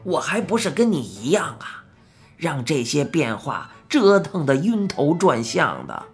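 Woman doing a sly low-voiced old man. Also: very animated, faint music behind. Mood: evasive, teasing. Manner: playfully dodging, drawn-out chuckling. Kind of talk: children's audiobook narration.

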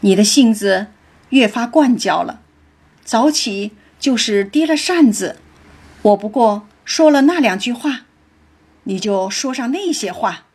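A woman voicing an indulgent young nobleman who coaxes and gently scolds, with a breathy voice. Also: fairly high pitch, expressive, unhurried. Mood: coaxing.

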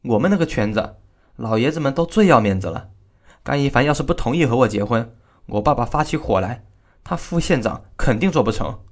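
A man's voice: medium pitch, expressive, brisk. A man reading the part of a cold, arrogant young woman, a general's daughter, in a spoken story, with a taunting delivery. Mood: scornful. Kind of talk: storytelling narration.

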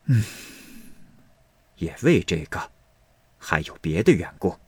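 A man voicing a worried noble mother of nearly fifty in a storybook reading, speaking low and gravely. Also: very animated, takes it slowly, darkish tone, no echo, exaggerated voice. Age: 40s.

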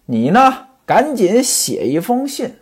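A male storyteller voicing a smooth-talking, scheming middle-aged hanger-on who coaxes a friend with advice, in a husky, lively voice. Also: high voice, slow, voice pushed up, full character voice. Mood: coaxing. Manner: coaxing, persuasive advice.

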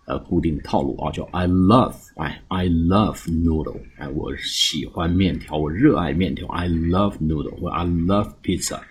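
Deep-voiced man teaching English phrases. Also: normal speed, few pauses, a little hiss or hum. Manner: explanatory, mixes English phrases into Chinese, frequent "哎" fillers; stresses key words emphatically. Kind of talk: recorded language lesson.

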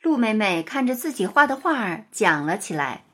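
A woman narrating a children's story in an expressive, sing-song storytelling manner. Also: mid-range voice, moderate pace.

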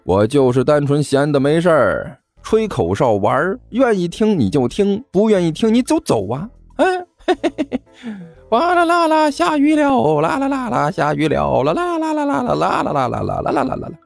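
A man's voice: fairly high pitch, sing-song, normal speed, hardly any pauses, a little mellow, dry recording, faint music behind, voice pushed up. A man voicing a chubby, cheeky schoolboy who talks in a sly, teasing, sing-song way. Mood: taunting.

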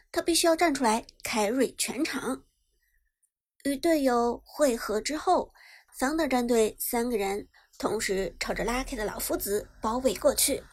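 A woman narrating a web novel chapter in brisk storytelling style, lifting her voice on the action. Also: a little high, breathy edge. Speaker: audiobook narrator. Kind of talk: scripted narration.

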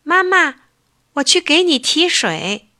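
A woman's voice: high voice, sing-song, bright, forceful tone, dry recording, clean studio sound, voice pushed up, exaggerated voice. A woman doing an eager little bear cub. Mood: earnest. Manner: earnest, hurried, helpful. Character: kind eager young male bear cub.

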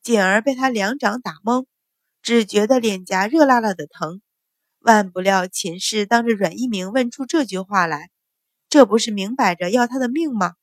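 Woman, audiobook narration, steady even reading, dry close sound. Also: mid-range voice, normal speed, dry recording. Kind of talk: scripted storybook narration.

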